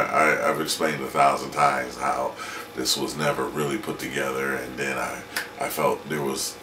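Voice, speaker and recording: A man in his late forties talking through a personal video diary from his kitchen, halting and reflective with many restarts. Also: extremely low pitch, roomy sound, distant mic. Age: 40s. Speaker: independent filmmaker and vlogger.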